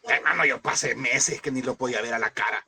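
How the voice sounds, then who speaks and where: A man's voice: mid-range voice, fairly quick, gravelly, sharp tone. A man, a pastor preaching a lesson, telling a personal story and fervently calling his listeners brother.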